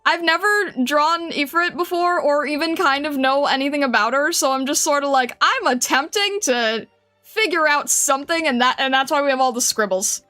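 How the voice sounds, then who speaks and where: A woman livestreaming casually while she draws, thinking aloud in a hesitant, rambling way with a bright, high voice. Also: moderate pace, soft background music. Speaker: livestreaming artist.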